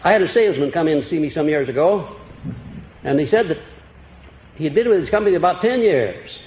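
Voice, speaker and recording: High-voiced man on an old recording. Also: animated, fairly quick. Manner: folksy, chuckling, quizzes his audience. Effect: old archival recording. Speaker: seminar lecturer. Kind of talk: motivational seminar lecture. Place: lecture hall before a live audience. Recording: echoey, dull old lecture-hall tape with faint hiss.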